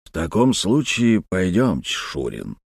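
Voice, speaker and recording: A man's voice: low-pitched, wildly swooping pitch, unhurried, gravelly, husky, no room sound, voice pushed down, heavily acted. A man voicing a miserly older banker in a storybook reading, curt and dry. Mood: smug.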